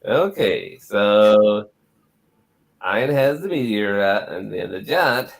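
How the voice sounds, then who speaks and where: A man's voice: lowish voice, expressive, takes it slowly, creaky. A man working as game master, casually narrating a tabletop game and asking players for their moves.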